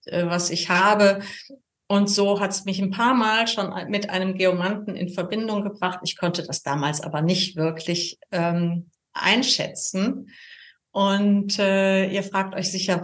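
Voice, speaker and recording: A woman from Cologne with a Cologne accent, a cheerful guest explaining things in a podcast interview with many fillers. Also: mid-range voice. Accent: Cologne German. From Cologne, Germany. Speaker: geomancy guest. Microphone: camera set-up.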